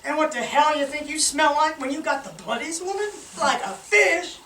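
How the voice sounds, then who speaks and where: A woman voicing a coarse, cheeky fisherman who talks loud and crude, recorded from afar in a roomy hall. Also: sits high, animated, moderate pace, slight background noise, voice pushed up. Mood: indignant. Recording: roomy hall, far-off camera.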